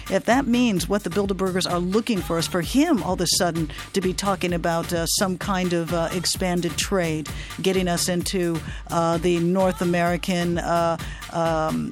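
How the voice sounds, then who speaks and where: An informal radio host rambles through free-form talk. The voice is mid-pitched and hesitant, drifting between thoughts, with faint music behind it.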